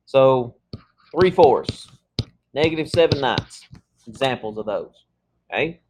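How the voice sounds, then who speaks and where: A man's voice: medium pitch, lively intonation, takes it slowly, background noise. A man teaching a math class in a casual, conversational lecture, checking in often with his students. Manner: casual, talks through examples with frequent "okay?" checks.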